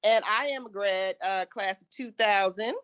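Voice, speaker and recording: A woman guest introducing herself on a podcast in an unhurried way, with many fillers. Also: medium pitch, a bit bright, smooth. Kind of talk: casual chat.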